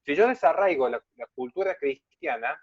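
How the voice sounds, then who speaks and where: Man, emphatic polemical lecture, fairly high voice, dull dry call audio. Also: very animated, normal speed, no room sound. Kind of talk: online lecture answering questions.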